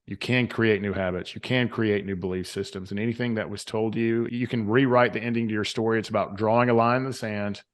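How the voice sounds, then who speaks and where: A man's voice: fairly low pitch, fairly even intonation, fairly quick, hardly any pauses. A man with a Southern US accent and drawl, talking earnestly and emphatically as a motivational interview guest, repeating phrases for effect. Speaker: guest, author and retreat leader.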